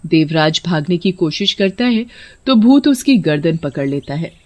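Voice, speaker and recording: A woman narrating a cartoon horror story in a steady, plain way. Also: lowish voice, normal speed.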